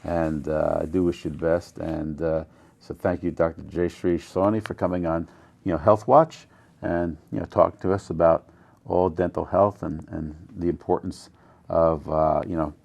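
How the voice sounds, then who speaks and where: A man hosting a local health show, asking questions in a halting way with many fillers. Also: low-pitched, flat delivery, creaky, darkish tone. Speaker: TV show host. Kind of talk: casual interview talk.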